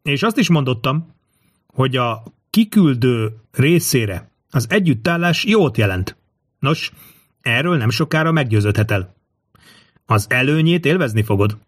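Dude reading a calm bold astrologer guy, solemn, mid-pitched voice. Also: no room sound, clean studio sound. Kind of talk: audiobook character reading.

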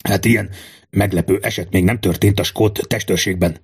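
A man's voice: lowish voice, gravelly, slightly rough. Man voicing a grumbling veteran guardsman. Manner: grumbling, boastful. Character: grumbling middle-aged male Scottish guard veteran.

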